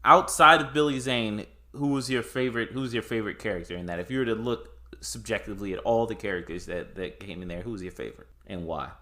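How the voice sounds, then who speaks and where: A man's voice: lowish voice, quick pace, hardly any pauses, sharp tone. A man co-hosting a casual film chat, speaking emphatically and repeating words for stress. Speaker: podcast co-host.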